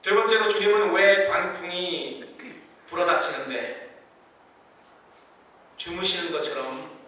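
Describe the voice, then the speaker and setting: Bright-voiced pastor preaching in an echoey hall. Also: male voice, sits high, steady tone, slow pace. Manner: dramatic swings between soft and loud delivery. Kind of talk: sermon. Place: church sanctuary. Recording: echoey church hall, mic at a distance.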